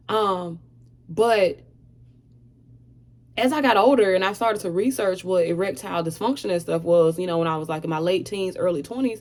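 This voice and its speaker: A woman's voice: medium pitch, a little mellow. A woman in her thirties speaking frankly and earnestly to camera about her own life, with frequent hesitant fillers. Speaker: vlogger sharing her story. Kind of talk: candid personal testimony to camera.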